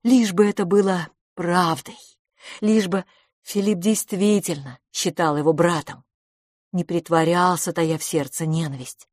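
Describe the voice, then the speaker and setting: A woman reading a storybook aloud, in a measured, expressive narration. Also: on the low side, no room sound, clean studio sound. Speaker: audiobook narrator.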